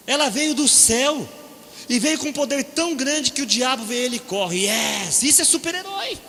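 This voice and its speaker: A middle-aged man with a Brazilian Portuguese accent preaching at a seminar, telling stories with jokes and keeps asking his audience "né?". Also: very high-pitched. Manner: animated, jokes and acts out quoted voices, keeps asking "né?". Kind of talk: humorous storytelling sermon. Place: church or seminar hall. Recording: echoey hall.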